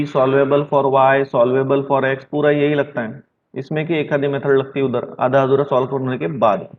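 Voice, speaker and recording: A man's voice: medium pitch, gravelly. Stern lecturing man, math teacher. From Maharashtra, India. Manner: scolding, repeats himself, mixes English math terms into his talk. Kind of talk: online classroom lecture. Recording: dull lo-fi sound.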